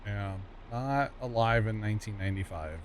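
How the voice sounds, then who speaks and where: In a lowish voice at an ordinary pace, a middle-aged man hosts a laid-back gaming livestream. He hums while playing and teases and jokes with his co-player as a game vehicle's engine drones behind.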